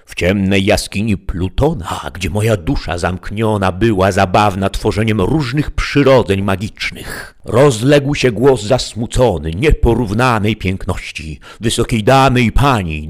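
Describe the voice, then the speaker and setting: A man voicing an ancient male wizard spirit in skeleton form, declaiming slowly and ornately. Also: fairly low pitch, expressive, pitched above the performer's own voice. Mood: solemn declaiming.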